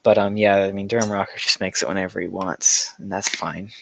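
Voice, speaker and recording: A man's voice: deep voice, flat delivery, fairly quick, vocal fry. A young man casually chatting on a livestream, telling rambling, profane stories and laughing through them. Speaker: livestream host answering chat questions.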